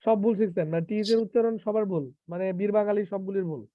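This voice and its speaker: Lively man teaching on a phone-like line. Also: high-pitched, quick pace, no echo. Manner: lively, teasing, mixes English terms into colloquial speech. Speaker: IELTS teacher. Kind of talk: live online class. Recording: tinny phone-like online call, dry.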